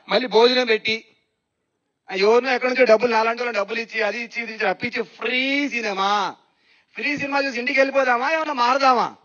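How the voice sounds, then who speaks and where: A man giving a spiritual discourse on meditation, lively and questioning, who repeats phrases for emphasis. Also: very high voice. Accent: Telugu. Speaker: spiritual speaker. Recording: dull lo-fi sound.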